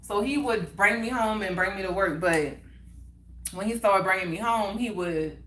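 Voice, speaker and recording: A woman hosting a casual chat, telling a personal story in an animated way, repeating phrases for emphasis and acting out what others said. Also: medium pitch, normal speed, echoey room. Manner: animated, acts out others' words in quotes. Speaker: livestream host.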